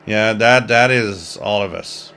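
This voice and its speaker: Taking a slow pace, the fifties-aged man hosting a shortwave radio livestream reads viewer comments in a casual, jokey, meandering way. His lowish voice has a sharp tone, and a little hiss or hum is audible.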